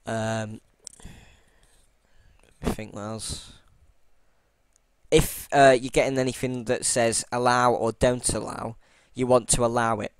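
Recording his screen, this man casually talks through a computer tutorial, rambling with lots of fillers and restarts and apologizing, self-deprecatingly, for how boring his voice is. He's mid-range with little pitch movement, slow with long pauses, and the tone is clean with no echo.

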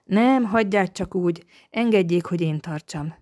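A woman's voice: lowish voice, mellow, close to an everyday voice. A woman voicing a feverish, weak young woman who pleads faintly to be cared for. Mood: weak pleading.

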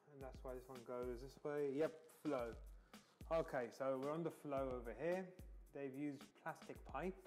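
A man's voice: fairly high pitch, darkish tone. A man in his thirties, a heating engineer, casually explaining his work to camera as he installs parts indoors in a home. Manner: casual, talks to camera while working. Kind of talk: work vlog tutorial. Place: indoors in a home utility room.

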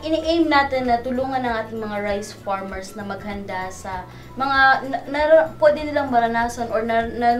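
A woman in her twenties with a Filipino accent, a research specialist explaining a program in Tagalog and English. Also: fairly high pitch. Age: 20s. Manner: mixes Tagalog and English, many restarts. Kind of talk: casual explanation.

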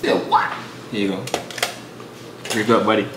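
A man's voice: fairly low pitch, level tone, moderate pace. A young man joking and whining at his sister in a drinking game, saying bro constantly. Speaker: vlogger. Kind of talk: casual chat during a party game. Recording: echoey room with clear background noise.

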